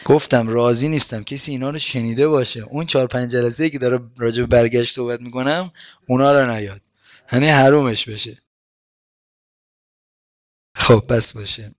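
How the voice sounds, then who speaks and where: A man's voice: medium pitch, steady tone, no echo. A man preaching a sermon in a conversational, ironic way, full of rhetorical questions.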